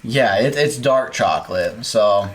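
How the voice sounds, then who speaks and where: A man's voice: fairly low pitch, a little slow, a little hiss or hum. A young man co-hosting a podcast in casual chat, crude and joking, swearing freely. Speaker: podcast co-host.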